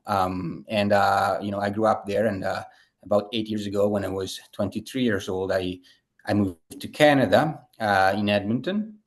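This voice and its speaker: Man, thirties, lowish voice, rambling, casual interview guest. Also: fairly even intonation, normal speed. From Italy. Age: 30s. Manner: rambling, many fillers and restarts.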